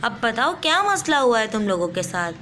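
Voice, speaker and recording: A woman's voice: on the high side, very animated, moderate pace, a bit bright. A woman voicing a strict young female tutor in a doll play story, firm and scolding. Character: strict young female tutor, bossy older sister type.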